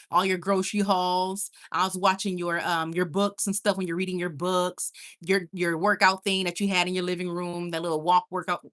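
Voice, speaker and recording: Reading her viewers' comments in a casual live chat, a young woman with a Caribbean Spanish accent is bubbly and quick to squeal with excitement. Her mid-range voice is bright and forward. This livestream host sounds relaxed and at home.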